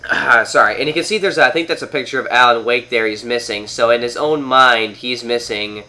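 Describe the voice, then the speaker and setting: With a cold making him sound nasal, a Canadian man hosts a gaming video, commenting casually as he plays on his TV at home. His medium-pitched voice comes out pushed and bright at a slightly fast pace, and he rambles with lots of fillers and restarts.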